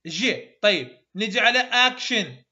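Iraqi-accented male phonetics teacher, high bright voice, slow drill repeats, muffled class recording. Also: very animated. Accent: Iraqi Arabic. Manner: repeats sounds slowly, praises students often.

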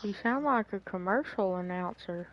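A woman out hunting at dusk makes teasing, sarcastic remarks in an easy chatty tone. Her voice sits at an ordinary pitch, and the recording sounds dull and muffled. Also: moderate pace, background noise. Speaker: hunting companion. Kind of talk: casual chat while hunting. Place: outdoors at dusk.

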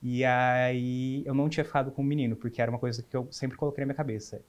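A man's voice: mid-range voice, flat delivery, fast talker. Young Brazilian man telling his story. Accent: Brazilian Portuguese. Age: 20s. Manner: open, earnest storytelling with frequent restarts. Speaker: guest. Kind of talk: candid personal interview.

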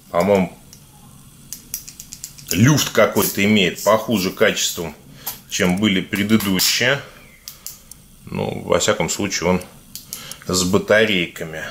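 A man with a speech impediment on his R sounds, giving casual, halting unboxing commentary to viewers as a video blogger. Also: deep voice, fairly bright tone. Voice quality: burr, defective pronunciation of the R sound. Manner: halting, conversational, addresses viewers informally. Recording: clear background noise with clicks.

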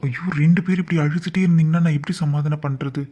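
A man voicing a steady male friend in a cartoon drama, reassuring and practical as he calms the grieving family. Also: fairly high pitch, fast, lightly acted. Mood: exasperated.

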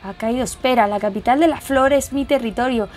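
A young woman, reading a manga chapter aloud and reacting with excited exclamations. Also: fairly high pitch, soft background music. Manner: excitable, exclamatory, quick to gasp and laugh.

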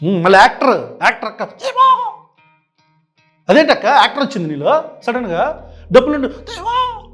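A man's voice: high-pitched, very animated, fast, a bit bright, soft background music. A man giving reaction commentary, indignant and sarcastic, firing off rhetorical questions.

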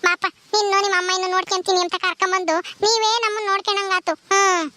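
A woman's voice: extremely high pitch, fairly even intonation, quick pace, sharp tone, a little hiss or hum. A woman playing an ailing, bossy village wife in a comedy skit, with a rural Karnataka Kannada accent and a nagging, scolding manner. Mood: coaxing urgent.

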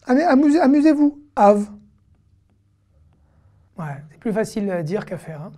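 Mellow-voiced woman teaching a language. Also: mid-range voice, very animated, normal speed. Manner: repeats each word several times, patient and explanatory. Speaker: Hebrew teacher. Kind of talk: online language lesson.

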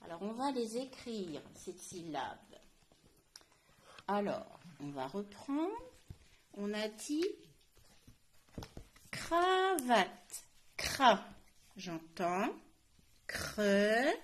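A woman teaching a phonics lesson to young children, saying each word slowly and stressing every syllable. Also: mid-range voice, very animated, a little hiss or hum. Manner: slow, clearly articulated, stressing each syllable. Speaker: primary school teacher.

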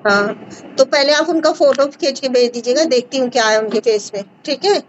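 This clip has a woman in her thirties at home in a room with curtains, hosting a live video call and calmly guiding a caller through a skin remedy. She reassures the caller and keeps repeating short checks such as "है ना?", her voice sitting high at a moderate pace. Recorded on a phone's front camera, the sound is lo-fi with slight background noise.

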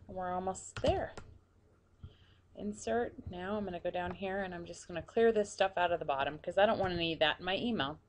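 A woman with a lowish voice walks through a computer task step by step, narrating each click in a hushed, close tone that sometimes drops nearly to a whisper. Light typing and clicking sound faintly in the background. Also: brisk, slight background noise. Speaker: tutorial presenter. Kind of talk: screen-recorded software tutorial.

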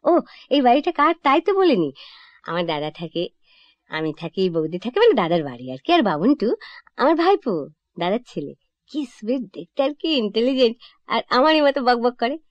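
A woman's voice: a little high, normal speed, no room sound. An actress performing a comic stage monologue as a chatty young divorced woman, confiding and correcting herself, on a dull lo-fi old recording. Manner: chatty, lively, self-correcting, confiding to listeners.

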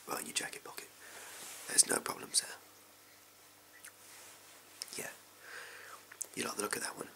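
A man's voice: moderate pace, long pauses, pushed and bright, low-quality recording. A young English man in a whispered role-play, playing a shady, amoral backstreet gun dealer with furtive, clipped, offhand sleazy salesman patter. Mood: furtive, selling. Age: young adult. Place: small indoor room at home. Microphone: close to the camera.

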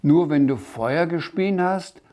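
A man voicing a cheeky, impatient, childlike creature in a storybook reading, loud and insistent. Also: a little high, expressive, slow pace, pitched above the performer's own voice.

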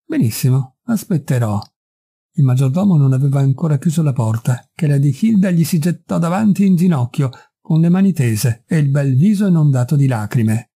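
A man narrating a classic detective story in a measured, even storytelling manner. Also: fairly high pitch, breathy edge. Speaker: audiobook reader. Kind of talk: scripted narration.

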